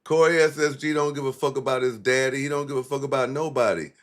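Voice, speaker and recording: A man's voice: medium pitch, fast talker. A man hosting a livestream, giving blunt, profane, mocking commentary in casual street talk.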